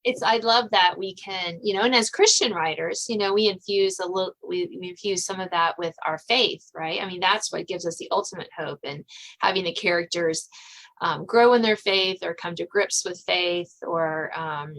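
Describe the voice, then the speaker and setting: This American woman, a podcast host and suspense novelist, runs a casual interview with a fairly low, somewhat bright voice at a moderate pace. Her talk is chatty and rambling, sprinkled with filler phrases and lots of "you know," and the recording is rough.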